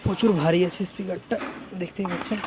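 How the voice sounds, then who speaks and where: Speaking quickly with medium pitch and fairly even intonation, a repair technician from India presents his work in a relaxed vlog style. Background noise is clearly heard, and he tends to repeat things and tack on frequent check-in tags.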